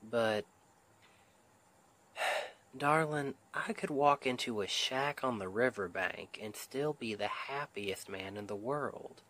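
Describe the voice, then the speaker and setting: In an intimate ASMR roleplay, a man with a lowish voice and a Southern US accent plays a tender, reassuring husband comforting his stressed wife. His delivery is soothing and gentle, often half-whispered.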